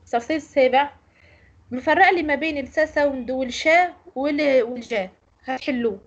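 A woman's voice: high voice, brisk, highs cut off. An Egyptian woman teaching English pronunciation in an online lecture, explaining and correcting students. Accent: Egyptian Arabic.

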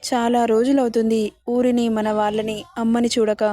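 A woman's voice: on the high side, little pitch movement, moderate pace, mellow, lightly acted. A woman voicing a shy, anxious young bride who speaks hesitantly in a told story. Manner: hesitant, subdued. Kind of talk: storybook narration.

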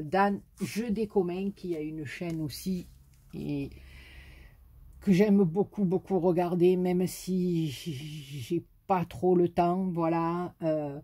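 A woman with a southern French accent chats casually to camera as she shows the greeting cards she received. Her voice is mellow and a little breathy, and she is effusive, piling on fillers as she goes. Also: deep voice. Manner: chatty and effusive, with many fillers. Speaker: YouTuber showing greeting cards.

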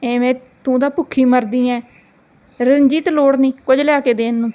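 A woman's voice: high-pitched, steady tone, moderate pace, mellow, dull audio, natural voice. A woman voicing a stern mother who scolds sharply in a storybook reading. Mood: scolding.

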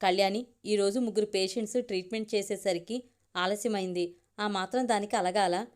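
A woman's voice: medium pitch, fairly even intonation, fairly quick, darkish tone, natural voice. A woman voicing a caring young doctor husband.

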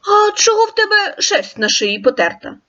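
A woman's voice: very high-pitched, big pitch swings, moderate pace, fairly bright tone, lo-fi sound, pitched above the performer's own voice, exaggerated voice. A woman voicing a lean, hungry male wolf who values his freedom, in a raised storybook voice. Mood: questioning.

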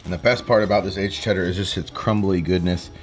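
A young man rattles through a casual cooking vlog at a quick clip, his voice a touch low, chatty and rambling with frequent restarts. He is recorded on a close camera mic in a kitchen, with faint music underneath. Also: fairly even intonation. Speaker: fishing vlogger. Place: houseboat kitchen.

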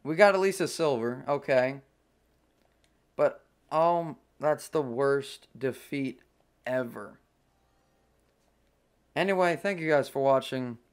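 A young man giving live commentary over a video game as a gaming YouTuber, breaking into excited and frustrated outbursts. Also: mid-range voice, slow pace, pauses often, smooth.

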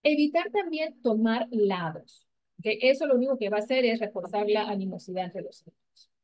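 A woman presents a parenting training in a patient, explanatory way. Her voice sits a little high, and she keeps checking that her listeners follow. When she shows how to question a child, she softens her voice. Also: lively intonation, moderate pace. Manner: patient, explanatory, frequent "¿verdad?" and "¿ok?" check-ins; models gentle questions to children in a soft voice. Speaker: parenting educator.

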